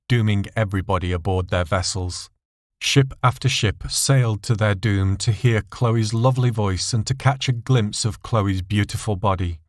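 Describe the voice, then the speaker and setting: Male story narrator, dark scripted fiction, low pitch, close dry sound. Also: no room sound.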